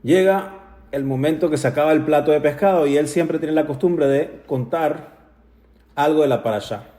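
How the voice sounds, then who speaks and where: A man giving a Torah talk as a lively story. He acts out the people in it, slips into English phrases and Hebrew terms, and closes with toasts. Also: on the high side, normal speed. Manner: ends with toasts. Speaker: Torah speaker. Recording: roomy echo.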